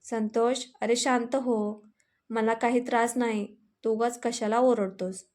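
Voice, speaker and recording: A woman voicing a gentle, peacemaking older mother-in-law in a storybook reading, soothing and calming. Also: on the high side, unhurried, lightly acted.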